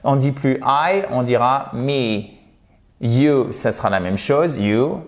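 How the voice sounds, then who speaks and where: A man teaches a beginner grammar lesson at a slow, unhurried pace. His voice sits in a middle pitch, and he explains patiently, often stopping to check that his students are following. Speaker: English teacher.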